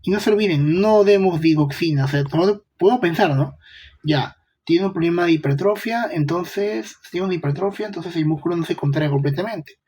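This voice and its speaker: Husky young man teaching. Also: a little high, a little fast, a little mellow. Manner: chatty, asks rhetorical questions, slangy asides. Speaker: medical lecturer. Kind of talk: casual medical lecture.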